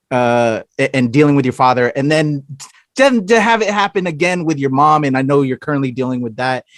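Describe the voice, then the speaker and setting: A man hosting an interview, affirming his guest and speaking emotionally with halting fillers. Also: medium pitch, no echo. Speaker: interview host. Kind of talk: casual interview.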